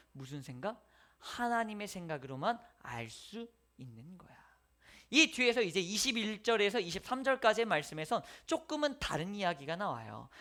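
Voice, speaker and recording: A man preaching a sermon as pastor, telling stories with acted voices and dropping to whispers. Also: sits high. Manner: lively storytelling, acting out voices, shifting from loud to whispered.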